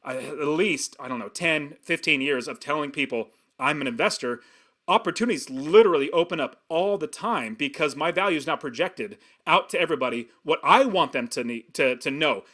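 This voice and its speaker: A man guesting on a podcast, talking in an excited, energetic way about investing. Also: fairly high pitch, a little fast. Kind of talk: casual interview chat.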